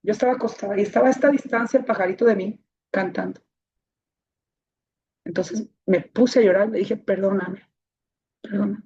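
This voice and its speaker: A woman's voice: mid-range voice, a little fast, pauses often, dark tone, slight background noise. A woman telling her life story to an audience in an emotional testimony, repeating key phrases for emphasis. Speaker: speaker sharing her life story, founder of a child-protection association. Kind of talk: personal testimony talk to an audience. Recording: dull, muffled recording.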